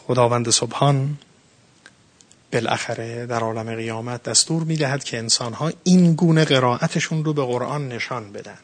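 A middle-aged man giving a religious lecture on the Quran, earnest and emphatic, with sudden rising bursts and slow, stressed phrases. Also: mid-range voice, slightly rough.

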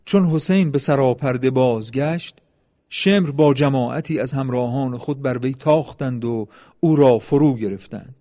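A man reading a historical account as measured, solemn scripted narration. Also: medium pitch, dark tone.

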